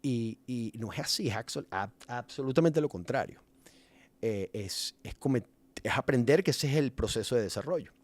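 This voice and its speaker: A man's voice: medium pitch, lively intonation, normal speed, no room sound. A man reflecting on being a father in a casual chat, mixing in English words now and then. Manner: reflective, slips English words into his speech. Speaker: father and musician in a podcast conversation.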